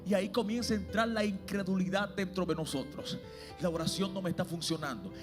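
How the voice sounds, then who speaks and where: A male evangelist preaching an impassioned sermon to a church congregation, swinging between hushed and shouted delivery. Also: high voice, a little fast, over music.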